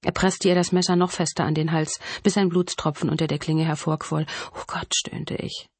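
Low-voiced woman narrating a thriller. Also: flat delivery, darkish tone, husky, no echo. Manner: measured, suspenseful storytelling. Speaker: audiobook narrator. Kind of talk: first-person thriller audiobook narration.

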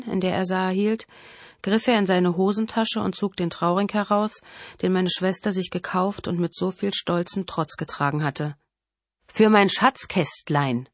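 A woman's voice: fairly low pitch, no room sound. Woman narrating a thriller audiobook. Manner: measured, dramatic storytelling. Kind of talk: first-person scripted narration.

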